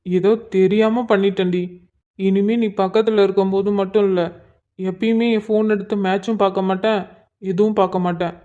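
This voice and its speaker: A woman's voice: medium pitch, level tone, fairly quick, mellow, muffled recording, lightly acted. A woman voicing an exasperated young college man in a cartoon, pleading and groaning as his girlfriend nags him. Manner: pleading, put-upon groaning. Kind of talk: cartoon voice acting.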